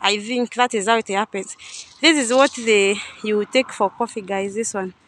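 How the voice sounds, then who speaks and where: Filming herself on a handheld phone, a young vlogger gives a casual walk-through of a coffee farm and factory outdoors, chatting, thinking aloud and frequently unsure. Her mid-range voice is a bit bright and fairly even in intonation, at normal speed.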